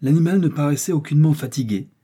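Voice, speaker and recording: A man reading a novel aloud as an audiobook narrator in a steady, measured way. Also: fairly high pitch, slightly rough. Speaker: audiobook reader. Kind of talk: scripted narration.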